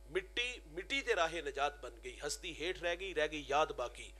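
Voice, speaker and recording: A man's voice: a little high, pushed and bright. A man preaching a sermon, telling stories and reciting verse. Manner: storytelling with quoted Punjabi verse. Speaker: religious scholar.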